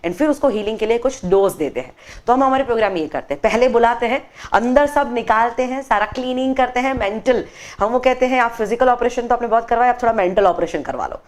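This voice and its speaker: A woman trainer speaking in a studio TV interview, explaining her workshops and telling a story expressively, voicing the characters in it. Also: on the high side. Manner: expressive, acts out quoted voices while telling a story. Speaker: meditation workshop trainer, guest.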